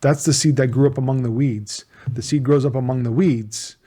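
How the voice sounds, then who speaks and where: Earnestly teaching the Bible in an informal way, a U.S. man speaks at normal speed in a steady, medium-pitched register. He often says key words twice for emphasis and starts his phrases over as he goes.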